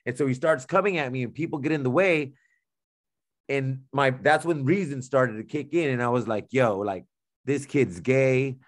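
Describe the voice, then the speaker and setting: A man's voice: medium pitch, moderate pace. A man co-hosting a podcast, telling a story in casual, blunt, profane slang and acting out the dialogue he quotes. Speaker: podcast co-host.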